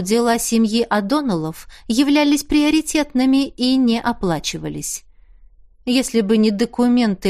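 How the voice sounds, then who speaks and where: A woman narrating a novel aloud in an even, measured storytelling voice. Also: medium pitch. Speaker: audiobook reader. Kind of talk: scripted narration.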